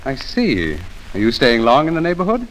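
Edgar Linton, animated proper gentleman. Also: mid-range voice, normal speed, poor audio. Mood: polite. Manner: polite, proper, condescending. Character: genteel, complacent country gentleman, husband, easily indignant. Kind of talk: 1940s radio drama acting. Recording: old radio recording with steady hiss.

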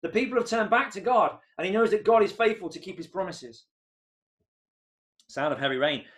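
A man in his thirties delivers an earnest sermon into a desk webcam from a room at home. His voice sits a little high, and he lifts into excited emphasis when he reaches key points. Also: a little fast. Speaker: preacher.

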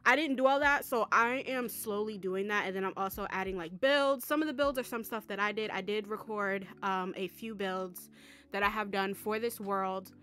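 A woman vlogging in a casual, excitable, rambling way, full of slang and swearing. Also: mid-range voice, normal speed. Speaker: Sims content creator. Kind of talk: casual chatty vlog.

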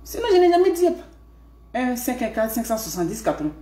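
A woman's voice: a little high, fairly quick. A middle-aged woman with an Ivorian French accent, hosting a casual live stream from home and often tagging her sentences with a questioning "hmm?". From Ivory Coast. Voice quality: lively, punctuated by questioning "hmm?". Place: home room. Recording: echoey room.

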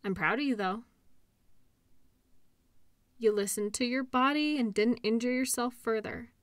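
This studio-quality, echo-free clip has a woman with a fairly high pitch and fairly bright tone speaking unhurriedly. She's a caring, upbeat girlfriend in an intimate roleplay, tenderly and sympathetically comforting her injured partner with soothing, playful encouragement.

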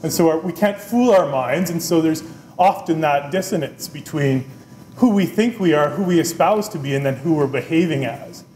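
Animated man speaking at a podium. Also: fairly high pitch, normal speed. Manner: animated, conversational, often adds "right?", gestures with both hands. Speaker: business school dean giving a keynote. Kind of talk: keynote speech. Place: lecture room, at a wooden podium, indoors. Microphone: podium microphone. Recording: roomy lecture-room sound, faint background noise.

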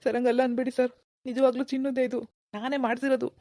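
A desperate, bewildered village man voiced by a woman begs in a cartoon, pleading fast. The voice is dark and mellow, dry, a little high for a man. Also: level tone, dry recording, natural voice. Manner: pleading, bewildered, keeps begging "sir". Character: anxious village man pawning his gold. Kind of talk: animated cartoon dialogue.

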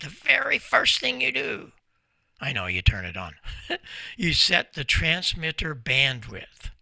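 This is a creaky, pushed, bright medium-pitched voice from an older American man, 70 or older, presenting informally as a folksy, emphatic storyteller. He's a company founder sitting at a desk in a small ham radio room, speaking close into a desk microphone in front of him, and there's no room sound.

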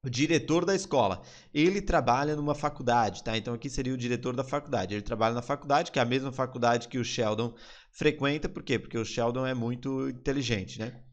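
A man with a Brazilian Portuguese accent leads a live online English lesson. He explains each phrase in an ordinary mid-range voice and repeats the English lines slowly for his students. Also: medium pitch. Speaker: English teacher.

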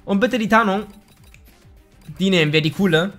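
A young man giving live commentary over his shooter gameplay, excitable and slangy, often swearing in annoyance. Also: high voice, normal speed, soft background music. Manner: slangy, says "Alter" a lot. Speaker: let's play gamer. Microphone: gaming microphone.

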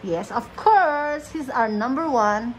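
A woman's voice: sits high, lively intonation, slow, a little hiss or hum, rough recording. A middle-aged mother with a Mizo accent chats playfully and teases her son in his phone-camera vlog, talking with her hand cupped by her mouth. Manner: playful, laughing, teasing. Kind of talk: casual family chat. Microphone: phone camera held by her son.

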